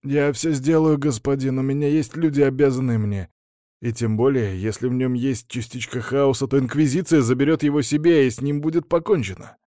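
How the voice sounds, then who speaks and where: A man's voice: medium pitch, normal speed, darkish tone, dry recording, clean studio sound, pitched above the performer's own voice, natural voice. A man voicing a scheming noble baron who fawns before his master. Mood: eager. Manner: pleading and eager to please.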